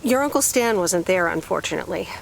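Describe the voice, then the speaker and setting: A woman's voice: on the low side, animated, creaky, slight background noise. An actress playing a friendly woman in her forties back in her hometown in a video game, with a light, teasing way of talking. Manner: light, teasing, quick to laugh.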